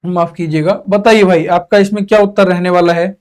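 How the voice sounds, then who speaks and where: A man's voice: high voice, steady tone, a little fast, darkish tone, smooth. A young man teaching an exam-prep Hindi lesson, asking questions and answering them himself in his students' voices, stretching out key words.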